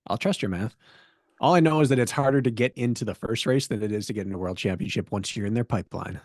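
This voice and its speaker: A man's voice: fairly low pitch, fast, darkish tone, dry recording. Joking man on a dry podcast mic. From middle of America. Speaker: podcast co-host. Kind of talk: casual chat.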